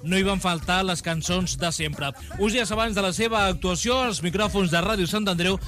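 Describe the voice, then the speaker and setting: A man reading a local radio news report in a measured, scripted way. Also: high-pitched, fairly bright tone. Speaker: news presenter.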